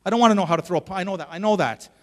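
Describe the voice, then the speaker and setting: A man's voice: high-pitched, very fast, fairly bright tone. A man playing an impatient young martial arts student in a big hall. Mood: frustrated. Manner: insistent, impatient pleading. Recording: long reverb of a large hall.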